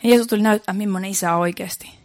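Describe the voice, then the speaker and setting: A woman's voice: mid-range voice, steady tone, a little mellow, dry recording, clean studio sound. A woman preaching a sermon in an earnest, repetitive way, building emphasis as she goes.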